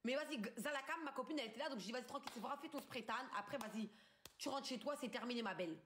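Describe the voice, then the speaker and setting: A woman's voice: on the high side, very fast, a bit bright, a little hiss or hum. A woman in her twenties from France, ranting angrily in street slang and swearing as she tells a story on a live stream from her bedroom. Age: 20s. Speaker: livestreamer. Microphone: phone camera.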